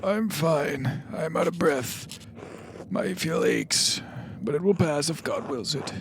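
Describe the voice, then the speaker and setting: A feeble, ill old monk as a streamer puts him on, wheezing out his words in a high, thin voice. He talks very slowly, and his voice has a gravelly crackle, like someone short of breath. He reads as a character in a video game. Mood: weak, pious. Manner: slow, feeble and pious. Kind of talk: reading game dialogue aloud.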